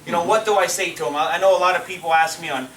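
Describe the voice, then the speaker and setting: A man's voice: on the high side, racing, a bit bright. A man giving a loose, filler-heavy training talk to a live audience in a meeting room, often asking the room to agree. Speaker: team trainer. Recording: roomy sound from far off the mic with faint noise.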